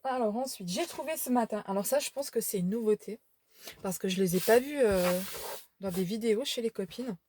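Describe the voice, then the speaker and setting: Tired woman vlogger, warm mellow tone, chatty with fillers, faint background noise. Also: medium pitch, brisk. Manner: chatty, many fillers and restarts, laughs at herself. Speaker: craft vlogger showing a shopping haul. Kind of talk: casual haul vlog. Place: home room by a window.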